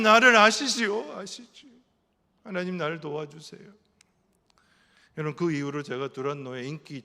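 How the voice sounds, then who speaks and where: A man in his fifties delivers an impassioned sermon in a fairly high voice, carried by the long ringing reverb of a church sanctuary. He drops to near-hushed lines and then climbs back into loud repeated phrases. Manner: impassioned preaching, swinging between soft and loud; emphatic repetition. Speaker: pastor and counseling professor.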